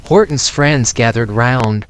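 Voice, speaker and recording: A man narrating a rhyming children's storybook in an expressive, theatrical read-along style. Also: mid-range voice, takes it slowly, clear, resonant tone.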